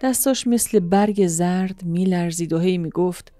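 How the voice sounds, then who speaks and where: A woman narrating a first-person story in a soft, emotional, intimate way. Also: lowish voice, dry recording. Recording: dry studio voice-over with soft music.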